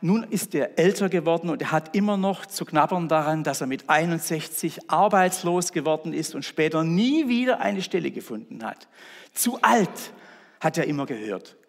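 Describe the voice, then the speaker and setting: A man's voice: a little high, expressive, normal speed, hardly any pauses. A man preaching a sermon in a church, emphatic and repeating his key words. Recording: echoey church reverb.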